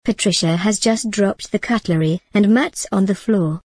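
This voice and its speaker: A woman's voice: medium pitch, moderate pace, darkish tone, slightly rough, dry recording, lightly acted. A woman voicing a smug young female cousin who talks in a whining, patronizing way. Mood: whiny.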